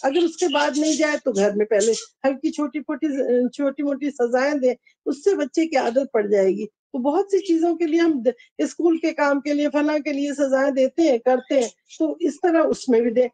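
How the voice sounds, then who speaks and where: A woman giving a religious talk in an earnest, pleading way, gently urging her listeners. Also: sits high, hardly any pauses, no room sound, low-quality recording. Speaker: religious lecturer.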